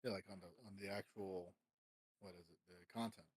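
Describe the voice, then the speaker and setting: A man's voice: low voice, steady tone, a little fast, poor audio. A man who games on stream chats casually, rambling with lots of fillers and swearing. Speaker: guest streamer, gamer. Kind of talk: casual chat.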